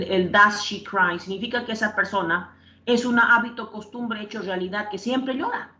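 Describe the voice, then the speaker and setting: A woman's voice: mid-range voice, fairly bright tone. A woman teaching an English class, patiently explaining grammar and calling on students by name. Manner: patient, repeats points and quizzes students by name. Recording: roomy, distant, dull lo-fi sound.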